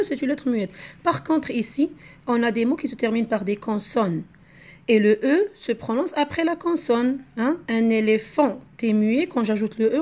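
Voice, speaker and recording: A woman's voice: fairly high pitch, darkish tone, a little hiss or hum. A woman teacher giving a patient grammar lesson to a class, walking through many examples.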